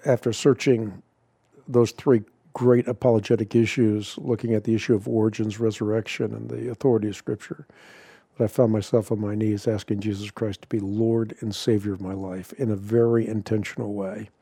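An older man from the Netherlands telling his life story in a measured, reflective way during an interview. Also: fairly low pitch, little pitch movement, gravelly, warm tone, husky, no room sound. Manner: measured, reflective, some repeated starts.

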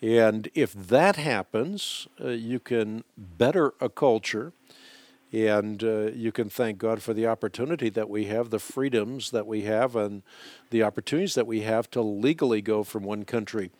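A native Dutch-speaking man from the Netherlands hosts a call-in radio show, answering listeners' questions in a measured, deliberate way with frequent hesitations. His voice sits on the low side with a darkish tone, and the recording is dry.

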